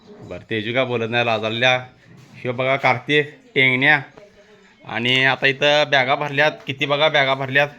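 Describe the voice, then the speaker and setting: Bright-voiced village vlogger teasing kids. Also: male voice, medium pitch, level tone, normal speed, clear, resonant tone. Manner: teasing, coaxing shy children. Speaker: vlogger interviewing family kids. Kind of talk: casual family vlog chat. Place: family home in a village.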